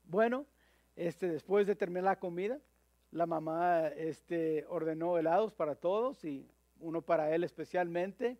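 High-voiced man preaching a sermon. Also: no echo, dull audio. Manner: halting, with frequent repeated words and fillers.

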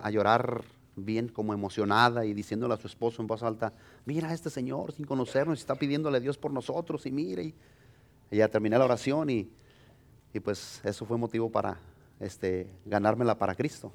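A male pastor recounts a testimony to his congregation. His voice sits at a middling pitch. He talks in a loose storytelling way, full of restarts and fillers. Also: a little fast, gravelly. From Mexico. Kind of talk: sermon testimony.

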